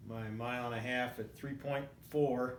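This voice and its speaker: A roomy, echoing recording with faint noise carries the voice of a man in his sixties. He speaks at an average pitch in a casual vlog style. His delivery is reflective and rambling, with halting stops as he gathers his thoughts. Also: fairly even intonation. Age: 60s. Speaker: vlogger. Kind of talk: casual personal storytelling to camera.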